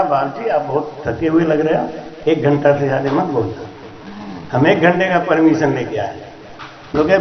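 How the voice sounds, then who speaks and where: A man singing devotional verses in long, drawn-out lines and preaching at a night gathering through a handheld mic. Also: on the high side, reverberant, muffled recording. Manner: slow drawn-out singing, then quick lively preaching to a crowd. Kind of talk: devotional singing and satsang sermon. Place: night gathering before a crowd.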